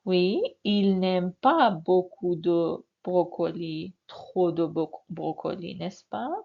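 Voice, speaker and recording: Woman teaching real slow, gravelly voice, dull lo-fi sound. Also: fairly low pitch. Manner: slow, patient, repeats words and asks learners to answer. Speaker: French teacher. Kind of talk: classroom lesson. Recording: dull lo-fi recording.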